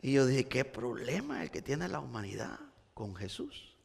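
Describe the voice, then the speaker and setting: A man's voice: medium pitch, wildly swooping pitch, normal speed, creaky, husky, big-room sound. A man preaching a sermon as pastor, with rising emphasis and frequent repeated starts. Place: church hall.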